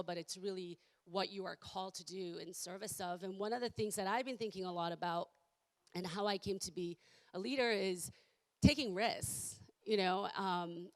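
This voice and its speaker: A woman with a hoarse, croaky voice speaking candidly on a conference panel as an executive director, talking in a conversational way with many fillers. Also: medium pitch.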